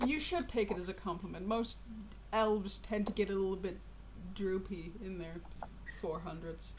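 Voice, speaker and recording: Brief: gentle, easily charmed innkeeper voiced by a woman, mid pitch, warm fussing delivery, some hiss behind. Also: normal speed, close to an everyday voice, rough recording. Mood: amused. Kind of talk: tabletop role-play voicing.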